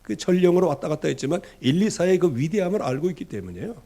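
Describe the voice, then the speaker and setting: A man preaching a sermon as pastor, telling the story dramatically, acting out the characters he quotes, and dropping from loud emphasis to soft low asides. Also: expressive, quick pace.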